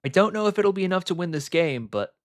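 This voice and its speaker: Calling an online football game live, this young man rambles excitedly and leans heavily on fillers. He pitches high and talks quickly in a dry, clean studio recording.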